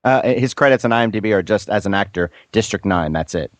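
A man's voice: on the low side, lively intonation, quick pace, no echo. A man co-hosting a casual podcast, speaking in a dry, matter-of-fact way. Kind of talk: casual chat.

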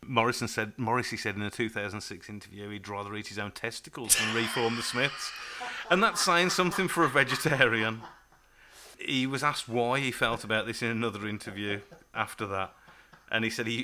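Bright-voiced man chatting. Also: on the low side, steady tone, fairly quick. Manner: chatty, stop-start, trails off recalling names. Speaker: podcast host. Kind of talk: casual chat.

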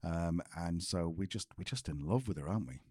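Brisk and slightly rough, this low, somewhat mellow male voice belongs to a podcast host who keeps things chatty and pokes fun at himself. It's recorded cleanly in a studio with no echo.

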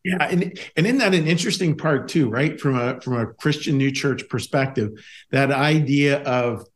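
A man's voice: medium pitch, moderate pace. A man hosting a faith podcast, talking enthusiastically and smiling as he asks his questions. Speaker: podcast host. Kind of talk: casual theological discussion.

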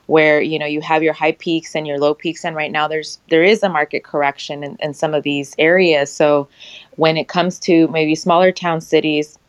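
A woman's voice: sits low, fairly even intonation, normal speed, clear, resonant tone, dry recording. A woman who invests in real estate, speaking on a panel in a confident, matter-of-fact way. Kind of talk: panel discussion.

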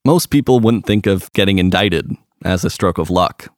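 A male reporter giving scripted narration in a measured, even way. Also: low-pitched, no echo, studio quality.

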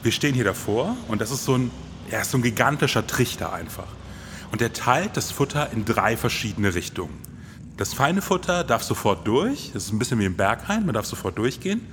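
Very animated and brisk, a medium-pitched male voice carries over background noise. The speaker, in his forties, co-hosts a scripted, performative podcast with colloquial enthusiasm, and the recording has long reverb with music beneath it.

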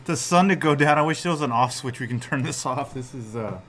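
A man's voice: medium pitch, a little fast, fairly bright tone, a little hiss or hum. A man chatting casually and laughing easily outdoors at a flying field. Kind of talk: casual chat.

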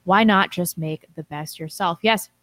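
A woman's voice: on the low side, unhurried, fairly bright tone. A woman co-hosting a casual talk show, reading out listener messages and commenting in a blunt, informal way.

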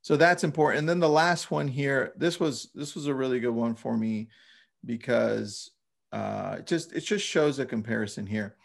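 Casual, gravelly-edged male podcaster. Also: medium pitch, normal speed. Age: 30s or older. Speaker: podcast co-host.

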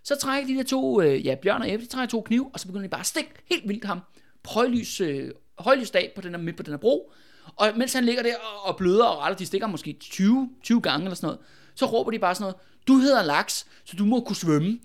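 A man with a high voice, well above the usual male range, leads a relaxed history chat. He tells events as a lively story, peppers his sentences with fillers and little "right?" tags, and bursts into acted-out dialogue. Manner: animated, many fillers and "ikke?" tags. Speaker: podcast host telling history.

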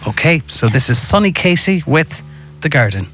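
A man's voice: a little high, big pitch swings, normal speed, fairly bright tone, faint music behind. A man hosting an interview as a radio presenter in a studio.

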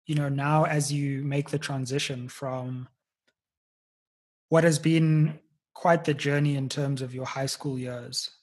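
Husky-voiced thoughtful interviewer. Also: medium pitch, steady tone, slow, a little mellow. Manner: thoughtful, hesitant, with many fillers. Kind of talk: interview questions.

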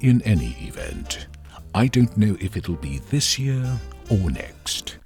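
A man's voice: very deep voice, gravelly, darkish tone. A man hosting a podcast, reading a scripted opinion commentary in wry, wordy, formal language. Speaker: podcast host.

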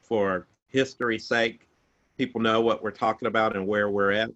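Man, podcast co-host, casual chat, thoughtful, hesitant, fairly low voice. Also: fairly even intonation, moderate pace, fairly bright tone, muffled recording. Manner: thoughtful, hesitant, searching for words.

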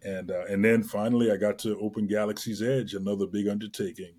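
Guest: middle-aged man, lower voice, slightly husky, chatty storyteller. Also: quick pace. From Trinidad and Tobago. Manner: lively storyteller, many fillers. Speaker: guest entertainer. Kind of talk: casual interview chat.

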